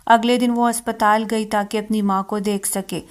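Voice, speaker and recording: A woman narrating a romance novel in a steady, even reading. Her voice sits at a middle pitch, and she keeps the same measured delivery throughout.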